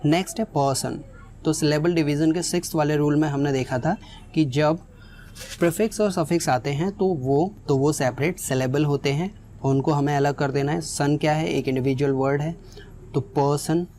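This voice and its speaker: Lady teacher going through pronunciation slow and clear, faint hiss in the back. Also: low voice, warm tone. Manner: explains step by step, mixing in English phrases. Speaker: English teacher. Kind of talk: spoken lesson with examples.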